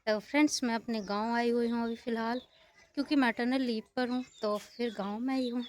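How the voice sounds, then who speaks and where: High-voiced young woman vlogging. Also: fairly even intonation, a little fast, a little mellow, a little hiss or hum. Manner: playful, coaxing talk to calves, laughs often. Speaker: village vlogger. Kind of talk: casual vlog chat. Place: outdoors at a village cattle shed.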